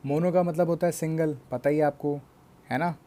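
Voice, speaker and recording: A man with an Indian English accent teaching a bilingual grammar lesson, explaining slowly and checking in with his class again and again. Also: a little high, steady tone, warm tone.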